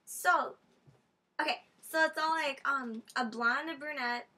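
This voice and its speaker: Teenage girl, casual rambling joke-telling, bright voice, a little husky. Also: a little high. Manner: chatty, rambling storyteller with many fillers. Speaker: vlogger telling jokes. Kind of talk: casual chat.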